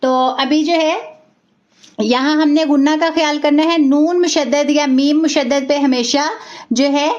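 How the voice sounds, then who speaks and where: A woman teaching Quran recitation in an online class, explaining patiently step by step and slowing down to model the sounds. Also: sits high. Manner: greets and praises students by name. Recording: echoey, dull lo-fi room sound.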